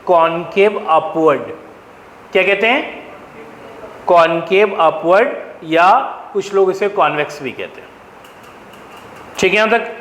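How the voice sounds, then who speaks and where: A high-pitched man with an Indian accent lectures a math class, quizzing the students and then supplying the answers himself. His voice rings through a roomy classroom with a long tail of reverb and a faint hum of ambience behind it. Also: slow pace, long pauses, fairly bright tone. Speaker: math teacher.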